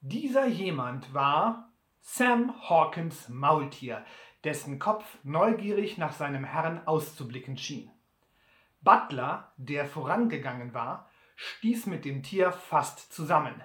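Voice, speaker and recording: A reader narrates an adventure novel with lively, wide-ranging pitch and an unhurried pace. The reading sits in a roomy, echoing space. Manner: lively, acts out each character. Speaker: audiobook reader. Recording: roomy echo.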